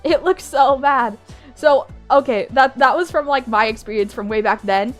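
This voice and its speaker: A young woman streaming live, with a high, bright-toned voice that is still groggy from just waking up. She chats in a bubbly, giggly way and loops her phrases. Soft music plays faintly behind her. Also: moderate pace. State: groggy morning voice, just woke up. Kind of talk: casual live-stream chat.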